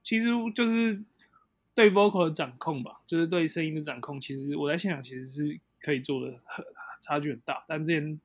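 A man's voice: on the high side, a little fast, dry recording. A man who sings in a band, answering interview questions in a reflective way that stops and restarts. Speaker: band singer, guest. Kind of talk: casual interview chat.

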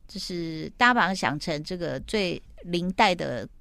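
Woman host, middle-aged, animated storyteller, lower voice, dry close sound. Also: normal speed, vocal fry, smooth, no room sound. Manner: animated storytelling, acting out quotes. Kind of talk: casual chat retelling a TV plot.

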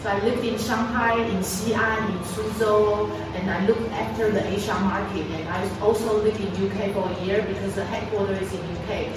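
A woman's voice: medium pitch, steady tone, moderate pace, hardly any pauses. A woman in her forties from Taiwan, whose first language is Mandarin, giving a chatty personal testimony talk at a sharing event, repeating words and laughing often. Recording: echoey room from far off, noisy.

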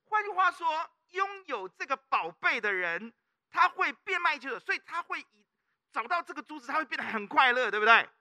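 Preaching at a normal speed, a middle-aged pastor with a Taiwanese Mandarin accent has a very high-pitched voice. He's animated throughout and often prompts his congregation with questions for them to answer back.

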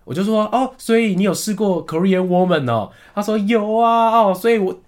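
A young man with a Taiwanese Mandarin accent, co-hosting a podcast and telling a story in a relaxed chat, acting out the lines of the people in it. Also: fairly quick. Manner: animated storytelling, acts out quotes with big pitch jumps. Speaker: podcast co-host.

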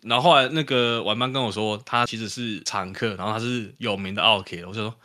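A young man with a Taiwanese Mandarin accent, telling stories as a podcast co-host in an animated way, often laughing. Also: fairly low pitch, fast. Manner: animated retelling, acts out quotes, frequent laughs. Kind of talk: casual chat, storytelling.

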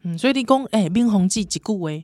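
A man hosting a podcast, asking questions and giving steady murmured backchannels. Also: high voice, fast, no echo, studio quality. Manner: prompts with many "嗯" backchannels. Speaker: podcast host. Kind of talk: interviewing in casual chat.

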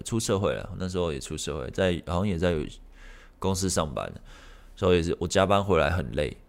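A man, speaking in a very deep voice with a gravelly rasp. He tells a story from his own life in a loose, meandering way and curses without holding back, like a podcast host talking off the cuff. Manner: rambling, frank, swears freely. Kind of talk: casual personal storytelling.

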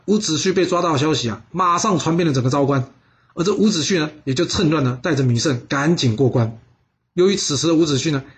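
A man telling a history story casually, with drawn-out particles and asides to listeners. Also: fairly high pitch.

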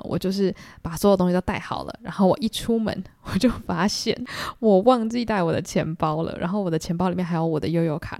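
A young woman from Taiwan with a Taiwanese Mandarin accent, hosting a podcast and telling self-mocking stories in an animated way. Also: lowish voice, dry recording, studio quality. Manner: animated, self-mocking, acts out quoted lines. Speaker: podcast host. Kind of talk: solo storytelling chat.

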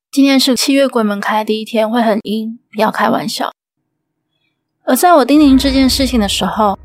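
A woman host with a Taiwanese Mandarin accent narrating a ghost story in a steady, suspenseful way. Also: a little high, slight background noise.

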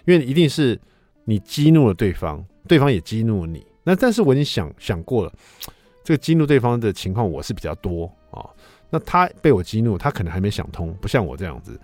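A man around fifty, a radio host telling a personal story in a casual monologue, acting out the voices he quotes and swinging between loud and soft. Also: lowish voice. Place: radio studio. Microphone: studio microphone.

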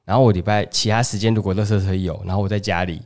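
Here the man's voice is low and darkish, its tone steady even as he speaks at a racing clip. A podcast co-host with a Taiwanese Mandarin accent, he chats casually and tells family anecdotes, acting out what relatives said.

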